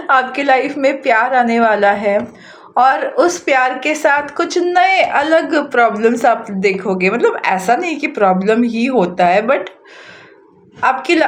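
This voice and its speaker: High-voiced, unhurried woman tarot reader. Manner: chatty, breaks into laughter, slowly reads card messages aloud. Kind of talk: casual tarot card reading.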